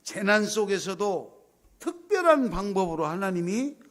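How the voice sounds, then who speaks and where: A man's voice: high-pitched, big pitch swings, unhurried, fairly bright tone. A male pastor preaching a sermon in a church sanctuary, talking in a conversational way and acting out his own prayers as quoted speech.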